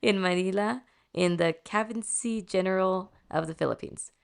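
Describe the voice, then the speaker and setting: A woman's voice: mid-range voice, moderate pace, vocal fry, smooth. An American woman casually telling a story, saying Spanish names with an American accent. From United States, Los Angeles. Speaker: podcast host.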